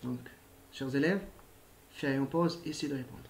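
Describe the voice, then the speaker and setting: A man teaching a spelling lesson to primary school pupils, speaking slowly and patiently and addressing them directly. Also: medium pitch, a little hiss or hum.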